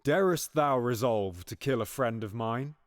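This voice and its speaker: In a Shakespearean audio drama, an actor portrays a scheming, paranoid usurping king, lurching from menacing whispers to sudden outbursts. His voice is medium-pitched and natural, at a measured pace.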